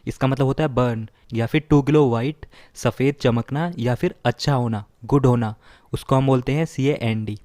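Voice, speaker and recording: A male teacher walking learners through word roots, mixing two languages. He restates every meaning several times and checks in with a quick "right?". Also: medium pitch, steady tone, dark tone. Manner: explains slowly, repeats meanings, asks "right?". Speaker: vocabulary teacher. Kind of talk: bilingual vocabulary lesson.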